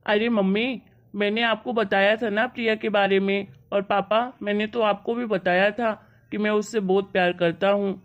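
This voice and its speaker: A woman's voice: mid-range voice, steady tone, normal speed, lo-fi sound, natural voice. A woman voicing an earnest young husband in a cartoon story, pleading with his mother.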